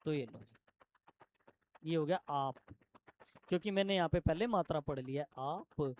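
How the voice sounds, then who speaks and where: A man teaching shorthand to a classroom, explaining step by step and quizzing his students with quick questions. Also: a little high. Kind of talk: classroom lesson.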